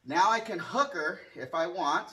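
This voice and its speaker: This martial arts instructor's voice sits high, bright and forceful, and he speaks a little slowly. He casually explains a hands-on demo, breaking it up with short counts and strike sounds, all caught on a distant mic.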